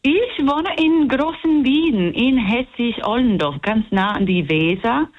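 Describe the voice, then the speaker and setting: A woman's voice: on the high side, expressive, unhurried. Woman, musician guest, hesitant, searching for words, muffled lo-fi sound. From Puerto Rico. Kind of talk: radio interview.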